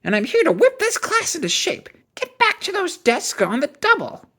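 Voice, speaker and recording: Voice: very high-pitched, wildly swooping pitch, normal speed, bright, forceful tone, pitched above the performer's own voice, full character voice. A storybook reader playing a stern, bossy, witchy woman teacher with a scratchy voice. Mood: menacing.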